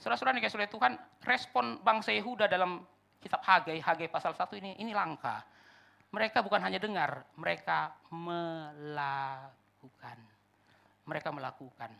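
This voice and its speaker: A male pastor preaching an expository sermon at a church service, animated and addressing the congregation directly. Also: high-pitched, brisk, gravelly. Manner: animated preaching, acts out listeners' replies; addresses congregation repeatedly as "saudara-saudara".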